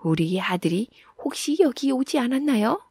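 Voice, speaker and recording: A woman storyteller voicing a loud, scolding middle-aged village mother in a folktale, raising her pitch well above her own and speaking with a husky tone. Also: lively intonation, normal speed, dry recording, studio quality. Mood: anxious.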